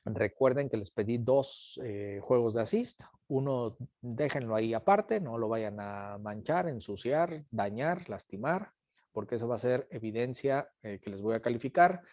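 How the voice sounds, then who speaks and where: Patient male instructor, mellow voice. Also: mid-range voice, expressive, normal speed, no room sound. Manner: patient, repeats questions and calls on students by name. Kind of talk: online class lesson.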